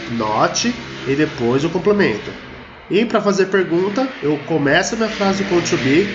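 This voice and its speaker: This higher-pitched male English teacher walks through a grammar point at a board in a video lesson, step by step. He reads the example sentences slowly and deliberately and keeps telling the class to "look here," dropping "ó" and "olha só" along the way. The recording sounds roomy and dull, with a bit of faint noise.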